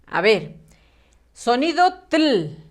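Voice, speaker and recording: A woman leads a reading class for young children, sounding out syllables and praising each answer. Her voice sits a little high, moves slowly and rises and falls a lot. She repeats each sound with patient encouragement. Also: very animated. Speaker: primary school teacher. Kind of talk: children's phonics lesson.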